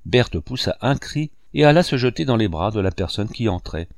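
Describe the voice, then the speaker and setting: A man narrating a novel in an expressive reading style. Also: fairly low pitch, normal speed, dry recording, studio quality. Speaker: audiobook narrator.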